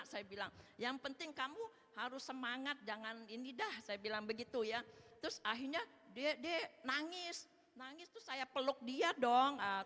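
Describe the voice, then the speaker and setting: A woman's voice: fairly high pitch, pushed and bright. A woman gives her personal testimony to a church congregation, acting out both sides of a remembered talk. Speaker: church member giving testimony. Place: church hall. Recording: long reverb of a large hall.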